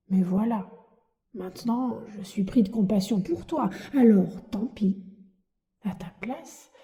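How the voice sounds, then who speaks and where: A woman voicing a gruff, bearded male puppet master in an audiobook, stern yet softhearted. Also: fairly high pitch. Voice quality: gruff, sneezing. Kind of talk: audiobook character reading.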